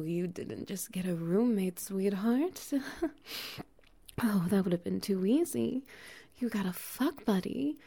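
A woman voices a doting, dominant bear-woman for an intimate audio roleplay, taking her time and stretching each word slowly. She speaks in a soft, teasing whisper with low, breathy laughter, her tone mellow and warm with a gravelly fry.

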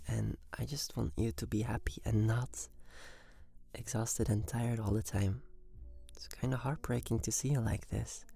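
A man in an ASMR role-play as a tender, soothing boyfriend, murmuring sweet nothings in a soft, breathy voice. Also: medium pitch.

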